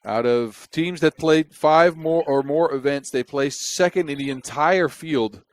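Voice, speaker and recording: A Dutch man from the Netherlands, speaking at a fairly high pitch and an unhurried pace, does play-by-play basketball commentary into a close mic. He's chatty and wry, slipping jokes in between plays.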